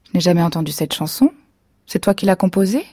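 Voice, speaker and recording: Curt, dismissive alien husband, read by a woman in a breathy, mellow voice. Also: high voice, expressive, quick pace, no room sound, studio quality. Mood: impatient. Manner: curt, scornful. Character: impatient dismissive Martian husband.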